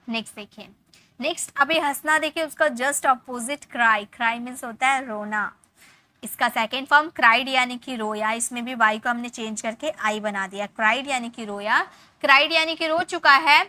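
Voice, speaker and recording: A woman with a high, bright voice teaches English grammar, explaining each point step by step. She reads her example sentences slowly and deliberately and keeps checking in with the listener. The recording is close and dry, with no room sound. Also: no room sound. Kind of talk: Hindi-language English grammar lesson.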